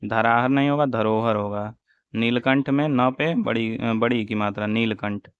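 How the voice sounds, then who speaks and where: Man slowly drilling spellings in a lesson. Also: medium pitch, clean tone, dry recording. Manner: slow, drilling recitation of correct and wrong spellings. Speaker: Hindi teacher. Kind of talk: exam-prep spelling lesson. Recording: dull, dry lo-fi audio.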